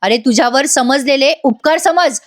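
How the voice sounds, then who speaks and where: A woman's voice: high-pitched, moderate pace, close to an everyday voice. [name], a woman voicing an indignant young wife. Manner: indignant, scolding.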